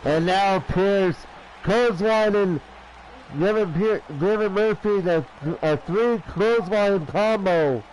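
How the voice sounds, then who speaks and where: A man doing play-by-play as a wrestling commentator, halting and often repeating himself. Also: sits high, darkish tone, rough recording. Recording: clear background noise.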